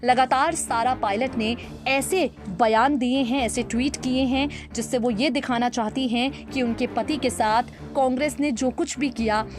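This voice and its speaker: A woman reading a scripted news voice-over, quoting posts aloud in an even newsreader cadence. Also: fairly high pitch. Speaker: news reader. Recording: voice-over with clear background music.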